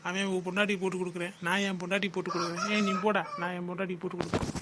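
A man voicing a middle-aged cartoon husband who teases and bickers with his wife in sharp retorts. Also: high-pitched, level tone, racing, very noisy, close to an everyday voice. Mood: placating. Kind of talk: cartoon comedy voice acting.

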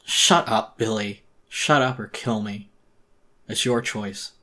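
A man's voice: on the low side, slow, bright, forceful tone. A man voicing a wounded, resigned raccoon. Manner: tired, resigned, muffled without a tongue. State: in pain, breathing heavily. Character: weary, wounded old raccoon jailer.

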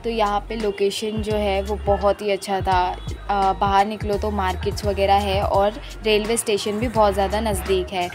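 A young Indian-accented woman, a travel and food vlogger, narrates a casual voice-over, steering viewers along while mixing English phrases into her speech. Her pitch is typical for a woman, her delivery flat and her speed normal, with loud music in the background.

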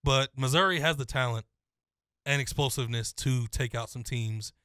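A young man co-hosting a casual sports talk show, giving a confident, detailed breakdown in a steady flow. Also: medium pitch, normal speed, no room sound, clean studio sound. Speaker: co-host.

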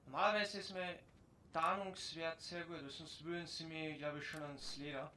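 Bright-voiced German-speaking gamer muttering. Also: male voice, on the high side, moderate pace, slight background noise. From German-speaking Europe. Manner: muttering to himself, with bursts of excited cursing. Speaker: let's play gamer. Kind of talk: casual gameplay commentary.

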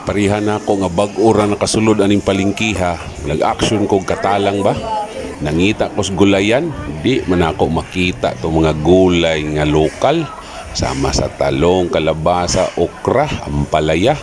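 A cheerful man vlogging as he walks through a large indoor market, calling out loudly to vendors on a handheld phone. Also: sits low, moderate pace, a crowd in the background. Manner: cheery, loud, calls out to vendors. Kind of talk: casual walking vlog. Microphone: phone held while walking. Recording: loud market noise behind.

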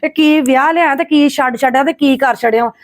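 Fast, scolding woman. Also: high-pitched, dry recording, clean studio sound. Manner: scolding, sharp-tongued. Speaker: lead actress, angry mother. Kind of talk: scripted family drama acting.

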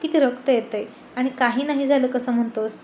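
A woman's voice: high voice, fairly even intonation, brisk, a little mellow, a little hiss or hum, close to an everyday voice. A woman voicing a teasing, protective young man who also turns possessive. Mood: teasing, caring. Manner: playful teasing, turning possessive and stern.

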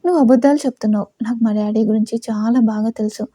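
A woman voicing a frightened young woman who shouts tearful accusations. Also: on the high side, fairly quick, dry recording, lightly acted. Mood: angry crying. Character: frightened young woman, captive, pleading then defiant.

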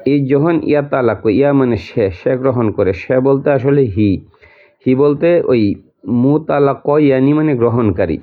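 Male teacher, mid-pitched, methodical word-by-word lesson, tinny lo-fi recording. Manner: repeats each word and its meaning slowly, step by step. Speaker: Quran translation teacher. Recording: tinny phone-like audio.

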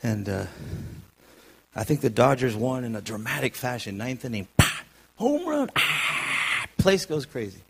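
A man from California in his fifties preaching a sermon with personal testimony, moving from quiet, low storytelling to shouted preaching. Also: very animated, measured pace, vocal fry, husky.

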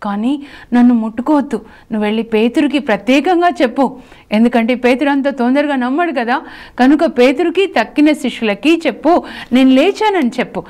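A woman's voice: high-pitched, a little fast, darkish tone, pitched above the performer's own voice, lightly acted. A woman preacher voicing Mary Magdalene as a grown woman disciple eagerly testifying in first person. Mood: joyful, excited. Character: adult woman disciple telling of meeting the risen Lord.

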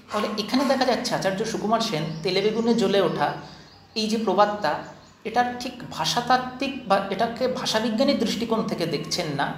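A man giving a slide lecture, explaining step by step and posing questions before answering them. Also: sits high. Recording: echoey room with faint noise.

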